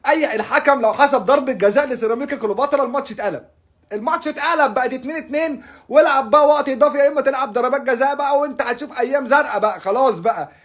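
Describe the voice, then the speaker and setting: A man's voice: very high voice, rapid-fire, a bit bright. An Egyptian man with an Egyptian Arabic accent, ranting about football as a fan in a casual, exasperated way, stammering and restarting, with bursts of laughter. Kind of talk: frustrated casual rant.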